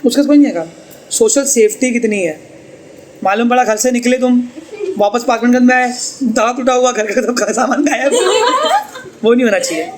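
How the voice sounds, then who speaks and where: A man's voice: very high-pitched, moderate pace, rough recording. A man teaching a tuition class, chatty and teasing as he explains. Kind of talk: classroom lecture.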